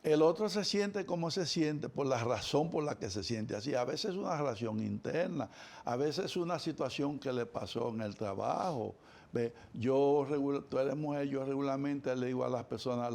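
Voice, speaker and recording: A man's voice: medium pitch, moderate pace, gravelly, a little mellow. A man, a psychologist guest on an interview show, talking animatedly and acting out the voices of the people he quotes. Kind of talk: conversational interview.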